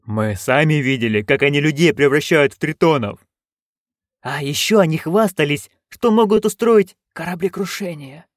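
A man's voice: a little high, normal speed, no echo, clean studio sound, natural voice. A man voicing timid, nervous castle guards in an audiobook, speaking hesitantly. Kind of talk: audiobook reading.

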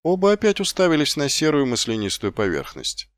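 A man narrating an audiobook in measured, expressive storytelling. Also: fairly high pitch, no room sound.

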